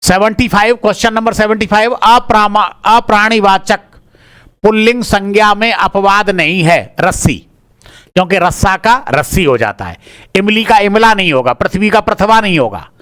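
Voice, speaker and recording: Higher-voiced man explaining exam answers. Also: normal speed, fairly bright tone, clear, resonant tone, no echo, studio quality. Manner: repeats each word aloud while checking it; informal, addresses listeners as brother. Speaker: teacher. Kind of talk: exam answer-key walkthrough.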